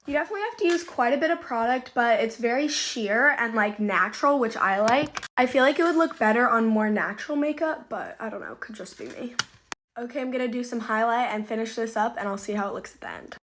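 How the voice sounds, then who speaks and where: A woman's voice: a little high, expressive, a little fast, a bit bright. Casual woman reviewing makeup, faint noise. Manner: casual product commentary with fillers. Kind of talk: makeup tutorial chat.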